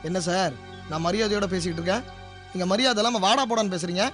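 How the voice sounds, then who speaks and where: A man's voice: high-pitched, fast talker, a bit bright. A cheeky college boy. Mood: defensive. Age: young adult. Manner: cheeky, sarcastic, teasing. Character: cheeky young male college student. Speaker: college student hanging around the house. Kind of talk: TV serial acting. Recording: TV serial with music behind.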